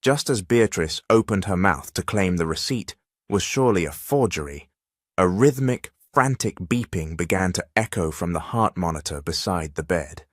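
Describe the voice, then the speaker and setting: A man reading a dramatic story as narrator in a steady, measured way. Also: sits low, dry recording, clean studio sound.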